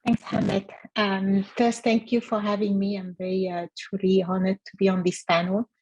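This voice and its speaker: Husky-voiced woman panelist. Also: mid-range voice, little pitch movement, moderate pace, darkish tone, rough recording. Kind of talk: panel discussion.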